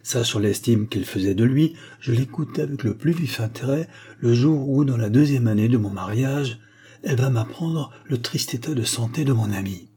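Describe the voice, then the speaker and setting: Mellow, husky male audiobook narrator. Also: mid-range voice. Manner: measured, earnest storytelling.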